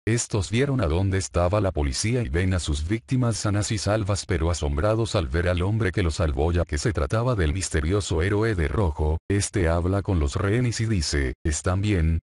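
Male storyteller; deep, steady read, dry booth sound. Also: normal speed, few pauses, no echo. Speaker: narrator. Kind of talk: reading a fan story aloud.

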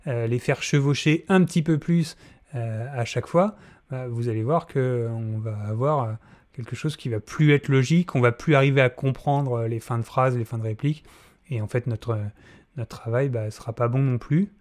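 Wearing headphones and speaking near a desk mic in a small room, a middle-aged host leads a relaxed tutorial about audio fiction. He talks at normal speed in a mid-range, slightly mellow voice.

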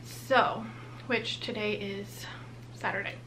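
A woman's voice: medium pitch, fairly even intonation, slow, background noise. A young woman, heavily pregnant and a bit out of breath, chatting casually through a product unboxing as a vlogger. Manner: chatty, upbeat.

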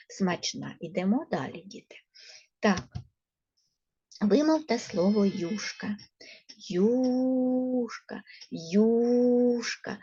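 Slow, patient woman teacher, lo-fi. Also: medium pitch, warm tone, slightly rough. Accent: Ukrainian. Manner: slow, patient, coaxing children. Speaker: primary school teacher. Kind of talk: first-grade reading lesson.

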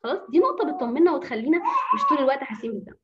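A female teacher with an Egyptian Arabic accent leads an informal online workshop on anger management, coaching listeners, answering her own rhetorical questions, and mixing in English phrases. Her voice is high-pitched, very animated, and racing. The recording is very noisy with the highs cut off.

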